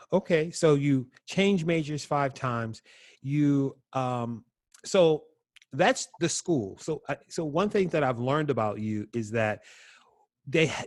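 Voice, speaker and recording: A man's voice: mid-range voice, no echo, studio quality. A man hosting an interview show, introducing his guest and asking questions in an upbeat, conversational way. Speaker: host.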